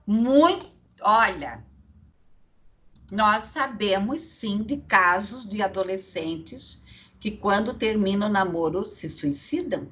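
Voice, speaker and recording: A woman lecturer talks her students through a psychology class at an unhurried pace. Her voice is bright and forward, and she drifts into chatty asides. She keeps tagging her sentences with quick checks to the class. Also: mid-range voice, expressive. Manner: chatty, digressive, tag questions.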